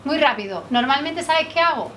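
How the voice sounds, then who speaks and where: High-voiced trainer from Spain, distant mic. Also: female voice, moderate pace. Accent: Spanish from Spain. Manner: lively, asks the group rhetorical questions. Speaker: workshop trainer. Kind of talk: public speaking workshop. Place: indoor training room. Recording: distant mic, faint background noise.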